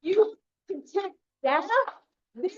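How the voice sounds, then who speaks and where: A woman's voice: very high voice, expressive, takes it slowly, dark tone. A woman village trustee arguing passionately and emphatically at a public board meeting. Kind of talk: heated public meeting debate. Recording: dull lo-fi meeting recording.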